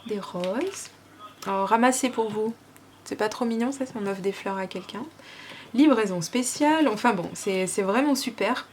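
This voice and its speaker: A French woman vlogger with a mid-range voice speaks at a moderate pace in a gushing, chatty unboxing, packed with fillers. A faint hiss sits behind her.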